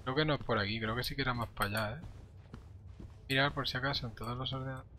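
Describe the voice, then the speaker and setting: A man's voice: medium pitch, fairly even intonation, fast talker, sharp tone. A young man with a Castilian Spanish accent giving casual, jumpy horror game commentary, muttering to himself and swearing when startled. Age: young adult. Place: small room indoors. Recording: game ambience and noise behind voice. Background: horror game ambience.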